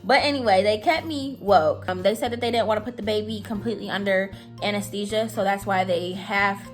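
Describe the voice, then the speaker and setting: A woman's voice: medium pitch, fairly quick, faint music behind. Chatty young woman telling a story. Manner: chatty, frequent "like" and "I'm telling you". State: anxious. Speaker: vlogger. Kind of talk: casual storytime.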